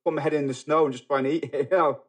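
A middle-aged man from England with a Manchester accent, talking as a podcast guest in a halting way, full of fillers and restarts. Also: fairly high pitch, fairly even intonation, slightly rough. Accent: Manchester English. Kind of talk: casual podcast conversation.

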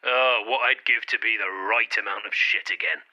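A mopey, pedantic football club boss, played by a man, with a dry sarcastic streak in a comedy audio drama. His voice is bright and tense, slightly dulled in a lo-fi recording. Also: fairly low pitch, normal speed. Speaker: club chief executive.

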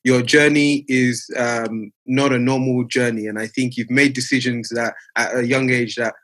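A man's voice: medium pitch, fairly even intonation, normal speed, fairly bright tone. A man hosting a casual interview podcast, asking curious, easygoing questions with fillers. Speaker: podcast host.

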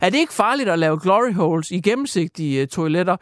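A man's voice: sits high, lively intonation, no room sound, studio quality. A man hosting a satirical comedy radio segment, rambling mock-seriously with lots of fillers. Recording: music playing behind.

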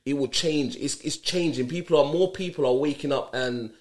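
A man's voice: a little high, moderate pace. A man with a south London accent talking casually and earnestly in an interview, using street slang and repeating himself for emphasis. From south London, England. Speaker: interview guest, community mentor.

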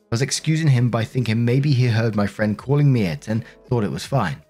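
A man reads forum posts aloud at an even, middle pitch. Between posts he gives blunt opinions in his own words. Faint music plays behind him. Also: brisk. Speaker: story narrator. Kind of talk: reading Reddit stories with commentary.

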